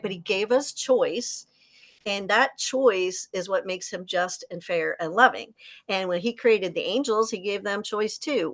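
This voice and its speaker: A woman in her sixties, herself a podcast host, author and speaker, appears as a guest on a faith podcast and tells her story earnestly and joyfully. Her voice is lowish and creaky with a fairly bright tone.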